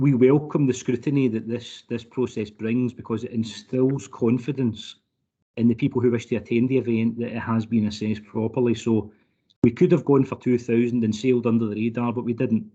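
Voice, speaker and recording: A solicitor speaks over a remote video call, his voice dull and lo-fi through a computer mic. His tone is mellow and slightly husky. He makes his case persuasively and courteously to a committee panel. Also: medium pitch. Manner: persuasive, courteous, keeps addressing the panel formally. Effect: remote video call audio. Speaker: solicitor for a licence applicant. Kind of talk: formal legal submission to a committee. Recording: dull lo-fi online call audio.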